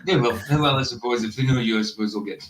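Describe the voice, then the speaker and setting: A man's voice: medium pitch, fast, fairly bright tone. A Scottish man from the northeast of Scotland hosting a livestream, chatting in a rambling way and laughing often. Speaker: livestream host. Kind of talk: casual chat.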